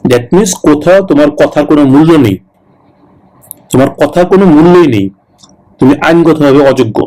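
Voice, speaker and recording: A man, tutoring for a citizenship test, slowly repeating English words and then explaining them quickly. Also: fairly high pitch, mellow, low-quality recording.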